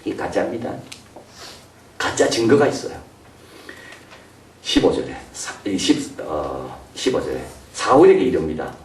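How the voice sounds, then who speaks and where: A man preaching a sermon as pastor, animated, sometimes acting out the voices of the people he describes. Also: low-pitched, measured pace, pauses often, slight background noise. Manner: animated, acts out voices of biblical figures and parents. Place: church sanctuary. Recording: roomy echo, mic from a distance.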